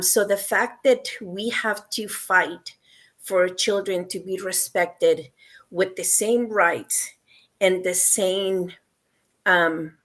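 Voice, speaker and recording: A woman from Mexico's El Bajío region, speaking with a Mexican accent, joins a heartfelt panel discussion as a parent guest. Her voice is medium-pitched and a bit bright. She talks earnestly and emotionally, with plenty of ums and repeated phrases.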